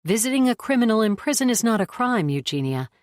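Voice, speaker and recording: A woman narrator voicing a calm female therapist who keeps an even tone and asks probing questions. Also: on the high side, fast talker, dry recording, studio quality, pitched above the performer's own voice.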